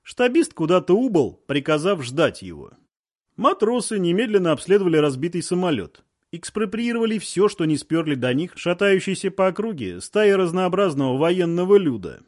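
A man narrating a war story in audiobook style, with lively storytelling. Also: high-pitched, moderate pace.

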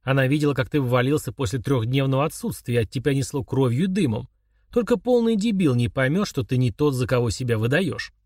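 A man voicing a calm, mocking young man who chats casually while confessing murder to his father. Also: medium pitch, a little fast, no room sound, clean studio sound, lightly acted. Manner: chummy, sneering, confessional tone.

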